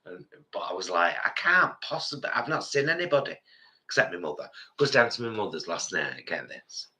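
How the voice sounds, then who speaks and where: Co-hosting a live stream, a man in his fifties from England tells meandering stories in a relaxed, animated way. He has a cold and sounds slightly bunged up, with a lowish pitch and a brisk delivery.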